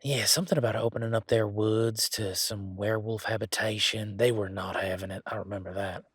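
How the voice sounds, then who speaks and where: In a one-sided roleplay audio drama, a man plays a towering, easygoing werewolf bodyguard with country roots, speaking in a low, rough-edged voice recorded dry and close. He is informal, teasing, and conversational, with folksy phrasing and lingering hesitations. His intonation is fairly even and his pace fairly quick.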